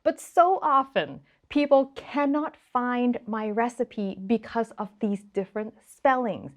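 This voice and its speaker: A woman from Thailand with a Thai accent, a cooking channel host explaining things casually to camera with exasperated asides. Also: unhurried. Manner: animated, exasperated asides, rising pitch for quoted viewers.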